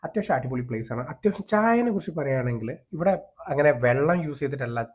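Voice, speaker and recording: A man's voice: mid-range voice, expressive, fast talker, slightly rough. A man with a Malayali accent narrating a casual travel vlog as its host, conversational and mixing English words into his Malayalam, with frequent tag words. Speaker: vlogger, host.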